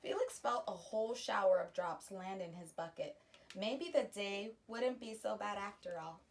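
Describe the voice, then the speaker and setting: A woman reading a children's picture book aloud, pausing to explain the story to young listeners. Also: mid-range voice, expressive, distant mic. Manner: slow, gentle storytime delivery with explanatory asides. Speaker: children's read-aloud host.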